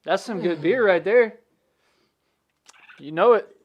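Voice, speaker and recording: A man co-hosts a casual podcast, bantering with his brother during a fight night. He talks in an unhurried, drawn-out way and swears freely. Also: sits high, muffled recording. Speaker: podcast co-host. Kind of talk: casual live-watch chat. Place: home, watching a fight on TV.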